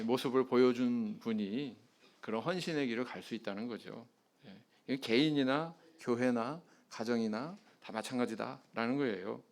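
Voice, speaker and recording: Man preaching, quizzing his congregation. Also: medium pitch. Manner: asks the congregation questions and answers them himself; frequent affirming "yes" fillers. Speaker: pastor. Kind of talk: expository sermon. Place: church sanctuary.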